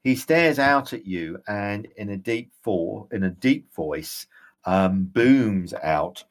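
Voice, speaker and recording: A man running a tabletop role-playing game as game master, describing scenes in a halting way. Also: on the low side, expressive.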